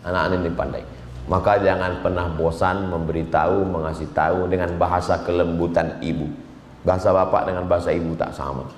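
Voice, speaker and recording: A man's voice: sits low, fairly even intonation, a little fast. Male preacher, comic storyteller, live in a reverberant hall with faint noise. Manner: joking storyteller who acts out dialogues. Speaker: Islamic preacher. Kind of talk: humorous sermon. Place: large hall with an audience.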